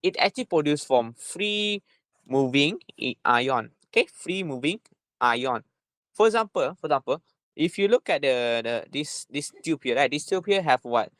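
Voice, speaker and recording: A man's voice: on the high side, animated, moderate pace, fairly bright tone, no room sound. A man with a Malaysian accent giving an informal lesson as a tutor, repeating himself and often tagging phrases with little checking words. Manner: repetitive, punctuating with "right?" and "lah". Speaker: chemistry tutor.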